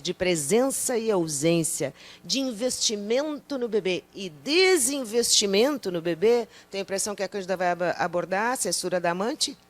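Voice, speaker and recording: Woman panelist, associative and rambling delivery, mid-range voice. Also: mid-range voice. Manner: associative, rambling, many fillers and restarts. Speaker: psychoanalyst panelist. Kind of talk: academic panel talk. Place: lecture hall at a panel event.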